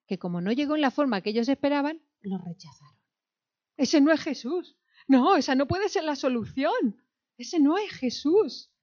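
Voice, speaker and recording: A woman's voice: on the low side, warm tone. Dramatic woman preacher, dull recording. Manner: dramatic, acts out scenes, drops to whispers and rises to cries. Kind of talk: sermon.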